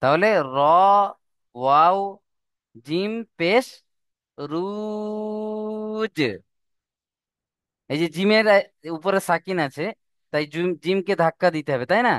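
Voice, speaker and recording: A man with a high-sitting voice gives a slow, step-by-step lesson on Quran reading rules, though he speaks fairly quickly, drawing out the example words in sung recitation. The studio sound is clean with no room sound.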